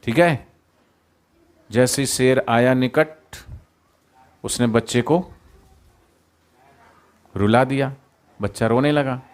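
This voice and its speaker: A man telling a moral story to students in a sermon, animated, often quizzing the listeners and coaxing them to join in. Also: mid-range voice, slow pace, long pauses, clean tone.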